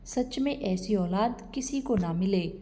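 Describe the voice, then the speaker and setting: A woman's voice: medium pitch, expressive, slow pace, mellow. A woman voicing a scheming middle-aged mother who scolds and sounds indignant, in a storybook reading. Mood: angry.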